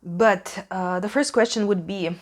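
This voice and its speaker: With a mid-range voice and a Russian accent, a native Russian-speaking woman from Ukraine runs a tarot reading on her channel. She's casual yet emphatic, pausing and groping for words.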